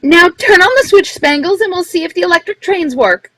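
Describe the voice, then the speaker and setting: A woman's voice: very high voice, animated, fairly quick, fairly bright tone, no room sound. A woman playing a busy, bossy Mrs. Santa who fussily orders the workshop helpers about in a live radio-play reading. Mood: fussy.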